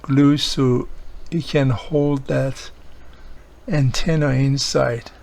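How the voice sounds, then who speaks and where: A radio repair hobbyist, a man who isn't a native English speaker, presents an unscripted tutorial walking the viewer through a hands-on repair step by step and checking in with them often. His mid-range voice is steady, creaky, a little mellow, and extremely slow.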